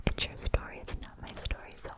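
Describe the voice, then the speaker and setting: A woman whispering an ASMR ramble in a breathy, unvoiced voice, softly repeating words and moving between quick bursts and slow, drawn-out phrases. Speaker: ASMR video creator.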